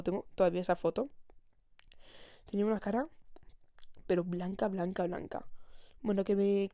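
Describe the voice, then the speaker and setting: A young woman with a Spanish accent hosts her podcast, telling a casual story full of self-corrections and laughter. Her voice is warm and mellow. The sound is dry and close, with no room around it. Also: mid-range voice, dry recording. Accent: Spain. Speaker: podcast host.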